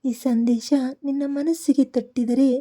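A woman speaks a soft devotional night-time message in a gentle, soothing manner, tenderly calling the listener her child. Her voice sits high, yet its tone is dark and mellow. She takes her time, pausing between short phrases. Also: fairly even intonation.

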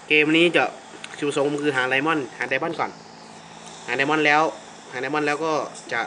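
A man's voice: medium pitch, noisy background. A young man casually commentating a phone game at home, crude and joking, talking to himself and his viewers, speaking away from the mic. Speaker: mobile game streamer. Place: home game-casting room.

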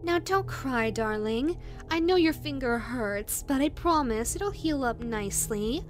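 A woman with a high, expressive voice performs a possessive, sweetly menacing yandere rabbit woman in a roleplay audio drama. She speaks unhurriedly, coaxing and condescending in a saccharine way, over soft background music.

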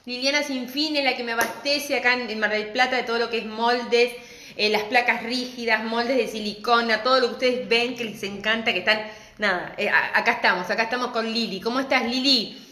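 A middle-aged woman with an Argentine accent, teaching a live-stream craft class and greeting viewers warmly and chattily. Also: a little high, steady tone, brisk. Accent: Argentine Spanish. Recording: echoey room.

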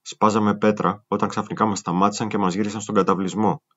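A man reading a first-person memoir aloud in a steady, grave storytelling manner. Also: lowish voice. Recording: muffled lo-fi recording.

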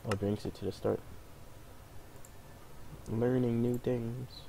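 At home, a man hosts a gameplay video, rambling casually and humming to himself as he plays. His mid-range voice is steady, slow, creaky, and warm, and the home recording is noisy.

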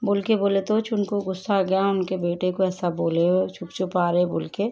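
Flat-voiced woman chatting in a vlog. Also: on the low side, moderate pace. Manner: chatty, retelling quarrels with quoted lines; worried, complaining tone. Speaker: family vlogger. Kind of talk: casual vlog chat. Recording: slightly dull, lo-fi sound.

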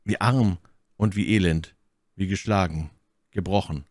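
A melodramatic young man from a classic storybook, self-pitying and theatrical, carried in a low male voice that a man puts on. The sound is close and dry, with no room around it. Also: unhurried, a little mellow, dry recording. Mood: despairing.

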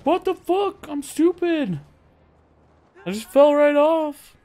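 A man streaming a game live, reacting loudly, swearing often and mocking himself as he plays. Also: very high voice, slow pace. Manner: excitable, swears a lot, mocks himself. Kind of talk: live gameplay commentary.

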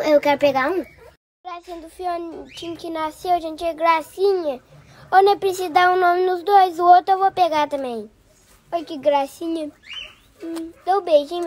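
Casting: a gushing, hoarse old grandpa, very high and squeaky. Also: male voice, fairly bright tone, a little hiss or hum. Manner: doting, gushing and affectionate. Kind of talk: comedy vlog character.

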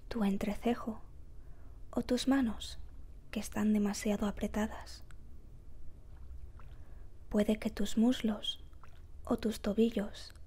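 A woman leads a slow guided meditation, her voice soft, breathy and whispery, pitched on the high side. She sounds calm and gentle, speaking in measured phrases separated by long pauses.

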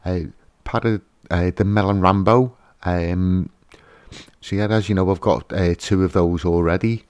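A man's voice: low-pitched, steady tone, measured pace, a little mellow, clean tone, dry recording. A man hosting a fishkeeping channel, giving a casual, hesitant voice-over with lots of fillers and restarts.

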